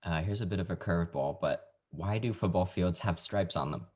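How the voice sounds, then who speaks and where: A man hosting a casual interview over a video call, his voice pitched very low. His tone is easygoing and jokey as he leads the questions. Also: a little fast, a little mellow. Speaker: podcast host.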